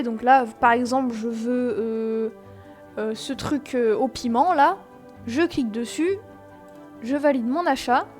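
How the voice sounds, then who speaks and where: Chatty young woman explaining a game. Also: high-pitched. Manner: chatty and explanatory, many fillers, self-mocking asides. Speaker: gaming tutorial host. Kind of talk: casual screen-recorded game tutorial.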